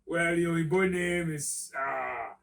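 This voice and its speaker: A man's voice: fairly high pitch, takes it slowly, creaky, fairly bright tone, recorded from a distance, rough recording. A man in his sixties is speaking as a guest on a radio show. He talks unhurriedly and hesitantly, with a lot of fillers. His voice sits a little away from the microphone. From Nigeria. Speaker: guest author. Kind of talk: radio interview. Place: radio studio. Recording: voice a little off-mic.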